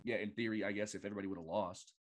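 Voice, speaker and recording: A man appearing as a guest on a casual sports podcast, talking in halting bursts and often restarting his sentences. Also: lowish voice, fairly even intonation. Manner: halting, lots of fillers and restarts.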